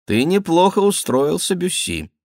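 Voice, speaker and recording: A man's voice: high-pitched, very animated, a little slow, darkish tone, dry recording, studio quality, voice pushed up, full character voice. A man voicing a wheedling royal duke in an audiobook, his tone coaxing and ingratiating. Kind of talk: audiobook reading.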